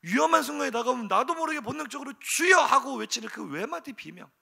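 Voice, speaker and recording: A middle-aged man preaching a sermon as a pastor in a church, telling the story with animated energy, sudden loud exclamations and rhetorical questions to the congregation. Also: very high voice, fast talker, vocal fry, husky. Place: church sanctuary.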